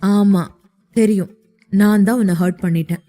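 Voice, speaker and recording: A woman's voice: mid-range voice, steady tone, normal speed, dark tone, faint music behind, pitched below the performer's own voice, natural voice. A woman voicing a young husband in an audio story, who teases and pleads with his wife and turns stern when pushed. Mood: soothing.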